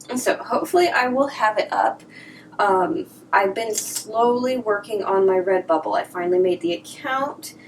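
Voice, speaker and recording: A woman casually chatting and thinking aloud while she works on art in a vlog, sometimes dropping to a soft whisper, a little sniffly. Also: medium pitch, far from the mic, low-quality recording. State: sniffly from allergies. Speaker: artist vlogger. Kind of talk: casual crafting vlog chat. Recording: voice a little off-mic, faint music behind.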